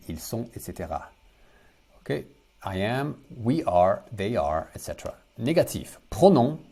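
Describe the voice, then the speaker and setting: A man teaching a beginner lesson, saying each phrase slowly, repeating it and giving the for it. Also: mid-range voice, mellow, slightly rough. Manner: slow, repeats phrases and translates to English. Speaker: French teacher. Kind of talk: language lesson.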